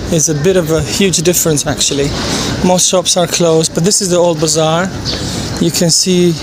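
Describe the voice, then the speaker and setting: A man's voice: a little high, fairly even intonation, moderate pace. A man from Albania with an Albanian accent gives casual walking tour commentary as a travel vlogger outdoors. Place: outdoors in town streets. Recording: noisy outdoor street, traffic ambience. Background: street ambience, vehicles.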